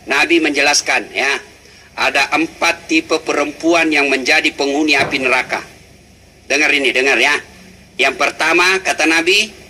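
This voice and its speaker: A middle-aged man giving a humorous sermon, animated and teasing, slipping into acted voices. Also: on the high side, husky. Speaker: preacher.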